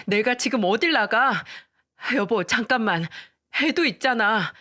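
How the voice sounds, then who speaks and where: A woman putting on a scheming young wife who turns shrill and whining when caught. The voice sits well above the reader's own and is recorded close and dry, with no room around it. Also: expressive, measured pace, pushed and bright, no echo. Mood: indignant. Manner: high, whiny and wheedling.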